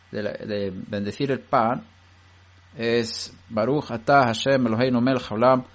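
A man of middle pitch gives a religious lesson to a group in a patient, explanatory way. He often pauses and restarts his sentences. The recording sounds a little dull. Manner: explanatory, with frequent restarts and hesitations. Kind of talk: religious teaching talk.

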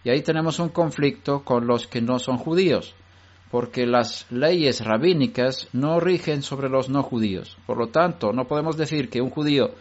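A man's voice: medium pitch, normal speed, muffled recording. A man giving a religious teaching talk, explaining step by step with frequent restarts and hesitations.

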